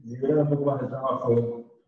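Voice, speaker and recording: A man speaks loudly over a call, his voice boxed-in as if he were talking inside a can. The sound is thin and phone-like, with a hollow, roomy echo around every word. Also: mid-range voice, flat delivery, a little fast. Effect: muffled, boxed-in sound as if talking inside a can. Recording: echoey, tinny online call audio.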